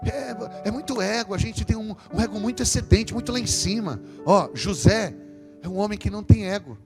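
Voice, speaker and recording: A man's voice: sits high, normal speed. Brazilian man preaching in a reverberant church. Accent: Brazilian Portuguese. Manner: lively, conversational preaching with jokes. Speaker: lay preacher. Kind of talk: parish sermon. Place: parish church. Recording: long church reverb with guitar music.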